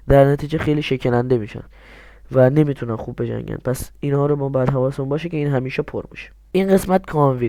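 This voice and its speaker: This game tutorial host, a young man, records his screen while guiding viewers through a strategy game one step at a time, asking and answering his own questions. He speaks at a medium pitch with a dark tone, and the studio recording is clean, with no room sound.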